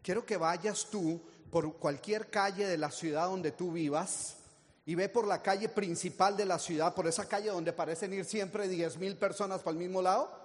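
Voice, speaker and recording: High-voiced man giving a motivational talk. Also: in a large hall. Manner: animated storytelling with acted-out quotes. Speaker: motivational speaker.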